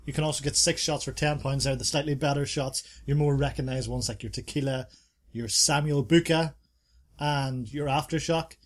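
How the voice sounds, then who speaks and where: A man co-hosts a casual podcast, chatting about bars and reading reviews aloud with playful asides. His voice sits at a medium pitch with fairly even intonation, at normal speed.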